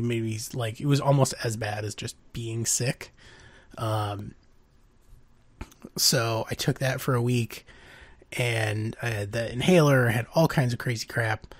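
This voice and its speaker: A man's voice: mid-range voice, no room sound. A man hosting a casual podcast while sick with a cold, his voice nasal and congested, rambling with plenty of fillers and restarts. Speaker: podcast host.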